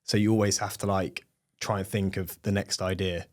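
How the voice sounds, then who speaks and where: A young Englishman with a British accent talks easily as a podcast guest. His voice sits a little low, and his speech is loose and full of fillers like "like" and "um". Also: flat delivery, normal speed, darkish tone. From England. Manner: chatty, many fillers like "like" and "um". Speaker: guest, agency owner. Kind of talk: casual podcast interview.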